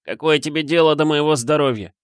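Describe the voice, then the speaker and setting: A man's voice: a little high, a little fast, clean tone, no room sound, clean studio sound, voice pushed up, lightly acted. A man voicing a bitter eleven-year-old boy who speaks harshly and accusingly. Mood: cold.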